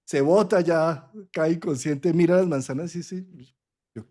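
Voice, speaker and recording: A middle-aged man leads a master class by telling a fairy tale. His voice sits a little high for a man but sounds warm and mellow, and he keeps checking that his listeners follow. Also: moderate pace. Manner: animated storyteller with tag questions. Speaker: astrology and psychology teacher. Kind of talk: master class storytelling lecture.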